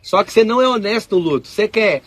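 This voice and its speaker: A man with a Brazilian Portuguese accent giving a casual spiritual talk to an audience, telling stories in animated, slangy speech. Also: high-pitched, fast. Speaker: spiritual speaker.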